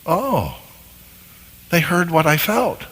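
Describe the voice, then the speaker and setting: A man giving a seminar talk to a live audience, animated and acting out little scenes as he explains. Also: on the high side, takes it slowly, breathy edge, in a large hall, poor audio. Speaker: marriage seminar speaker.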